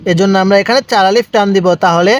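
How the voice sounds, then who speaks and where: A man's voice: high-pitched, fast. A man teaching Quran reading from Bangladesh. He spells out letters and vowel marks, stretches the long syllables, and has the listener repeat after him. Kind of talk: step-by-step recitation lesson.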